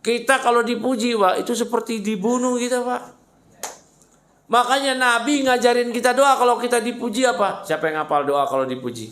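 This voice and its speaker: A man's voice: very high-pitched, brisk, fairly bright tone, roomy sound. A man preaching a mosque study sermon, emphatic and fired up, firing rhetorical questions at his listeners and slipping in mocking asides. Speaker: Islamic preacher.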